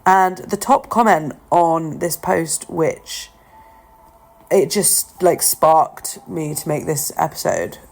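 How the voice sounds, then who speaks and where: A woman's voice: deep voice, expressive, slow pace, gravelly, darkish tone, a little hiss or hum, rough recording. A woman talking informally on her own as a podcast host, candid and self-deprecating, hesitant as she thinks aloud into her phone at home. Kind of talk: informal solo opinion talk. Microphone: talking into a phone, no studio.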